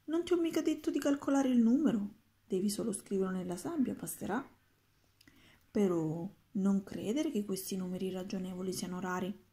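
A woman's voice: mid-range voice, normal speed, mellow, slightly rough. A woman voicing an impatient old male wizard of numbers in a storybook, by turns coaxing and triumphant.

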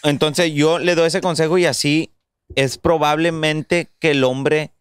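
A man's voice: a little high, fairly even intonation, a little slow, clean tone, no echo. A young man with a Mexican accent, co-hosting a casual, crude podcast chat, full of slang and swearing as he hands out advice. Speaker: podcast co-host.

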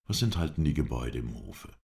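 A man voicing a calm, firm male traveller who questions people in a curt, businesslike way. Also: a bass voice, brisk, gravelly, full character voice.

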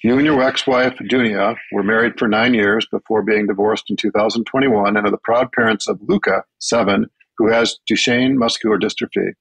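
A man hosting a podcast, reading his intro in a measured, announcer-like way and asking interview questions. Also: fairly low pitch, steady tone, vocal fry, fairly bright tone, husky, low-quality recording. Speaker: podcast host.

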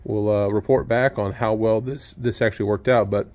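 A man's voice: on the low side, moderate pace. Man casually explaining a sawmill fix outdoors. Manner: relaxed, explains step by step with fillers. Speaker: sawmill owner showing a repair. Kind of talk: casual how-to demonstration. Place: outdoors at a sawmill under an open shed.

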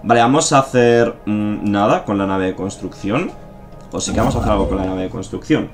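A man's voice: on the low side, a little fast. A man with a Spain Spanish accent giving casual gameplay commentary, thinking aloud with fillers, swearing and joking. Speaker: gameplay streamer. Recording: faint game music behind. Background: faint game music.

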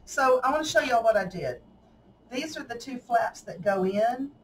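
A craft tutorial host with a Southern drawl chats folksily through a casual hands-on craft demonstration, laughing often. Her voice is on the high side and animated at a moderate pace. She sits slightly away from the mic in an indoor room with faint background noise.

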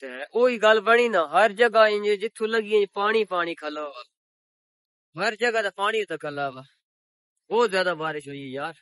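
Filming on a phone at arm's length in open countryside on a cloudy, windy day, a Pakistani village vlogger in his twenties chats casually with his viewers, calling them the public. He has a Punjabi accent and a high-pitched, fairly bright voice at a moderate pace, and is getting over a sore throat. There is no room sound.

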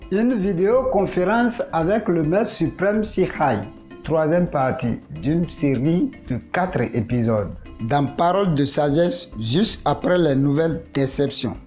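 A program announcer reading a formal scripted broadcast announcement in a measured way. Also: mid-range voice, a little mellow. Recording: dull lo-fi broadcast audio over music.

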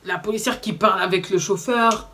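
A young woman with a Belgian French accent, telling a story to camera in casual vlog chat, animated and indignant, with slangy fillers. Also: medium pitch, brisk, slight background noise. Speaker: vlogger.

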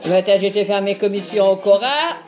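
An older Frenchwoman, a home cooking vlogger, chats casually while peeling vegetables, her mid-range voice brisk over music. She's earthy and talkative, tagging her sentences with little asides and a constant "hein."

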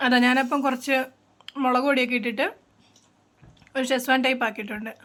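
High-voiced chatty woman. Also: steady tone, brisk, fairly bright tone. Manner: chatty, explains her cooking. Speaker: family vlogger. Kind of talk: casual home vlog chat.

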